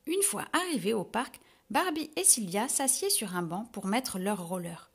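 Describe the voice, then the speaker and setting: A woman narrating a children's storybook in a lively, expressive way. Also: mid-range voice, moderate pace, gravelly, slightly rough.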